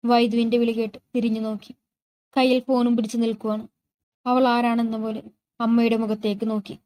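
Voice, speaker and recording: A woman storyteller narrating a romantic thriller audiobook in a steady, emotive reading voice, close to the mic. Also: fairly high pitch, brisk, dry recording.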